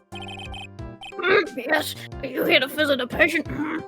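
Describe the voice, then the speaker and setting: A woman's voice: high voice, slow, vocal fry, sharp tone, soft background music, full character voice. Woman acting old man, doddering, grumbly, mumbled hums, sly, video game character. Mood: mumbling, sly. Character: doddering lecherous old man posing as hospital director. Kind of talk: video game role read aloud.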